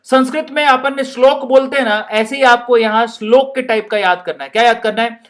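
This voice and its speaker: A man's voice: very high voice, brisk. A man teaching chemistry in a playful lecture, chanting mnemonics and laughing often. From India.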